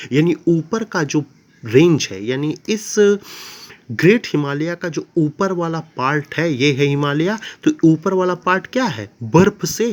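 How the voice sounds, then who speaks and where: A man teaching a geography lesson in a chatty classroom style, terms into his talk and often asking if it is clear. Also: on the high side. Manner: chatty, addresses students as babu, asks "clear?".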